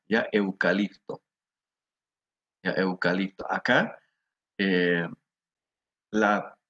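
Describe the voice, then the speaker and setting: A middle-aged man with a Peruvian Spanish accent teaching a class, slowly repeating words for students to echo. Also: lowish voice, fairly bright tone, breathy edge. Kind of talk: classroom lesson.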